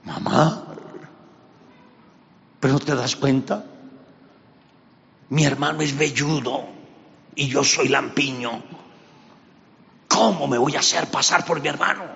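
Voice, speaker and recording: A man's voice: on the high side, slow, vocal fry, pauses often, fairly bright tone, highs cut off, voice pushed up, full character voice. A man voicing a timid young man who protests nervously in a raised voice. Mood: anxious. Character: timid young man, anxious smooth-skinned younger twin.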